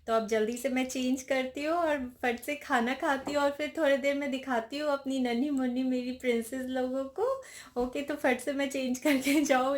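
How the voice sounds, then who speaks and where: A woman in her thirties from India with an Indian accent, vlogging casually on a handheld phone and mixing Hindi with English in a chatty way. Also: high-pitched. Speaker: vlogger mom. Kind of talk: casual vlog. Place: outdoors by a parking lot, then at home.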